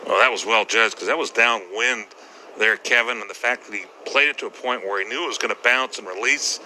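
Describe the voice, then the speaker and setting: Sharp, bright male golf commentator analysing play. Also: medium pitch, fairly quick, slight background noise, low-quality recording.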